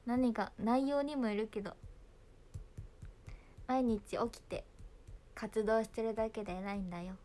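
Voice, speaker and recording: Young woman, slightly high voice, chatty and giggly, casual phone livestream. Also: steady tone, measured pace, pauses often, mellow. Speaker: idol livestreaming to fans.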